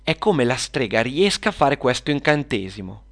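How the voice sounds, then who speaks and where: A man's voice: medium pitch, big pitch swings, moderate pace, gravelly, a bit bright, pitched above the performer's own voice. A man voicing a thoughtful young superhero girl stating the problem. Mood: earnest.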